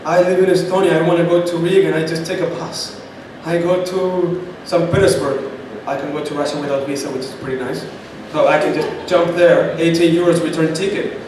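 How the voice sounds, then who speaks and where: A man's voice: a little high, steady tone, brisk, hardly any pauses. A man with a Chilean Spanish accent, speaking as a guest at a startup event, answering questions emphatically and repeating points for stress. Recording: echoey far-off room with noise.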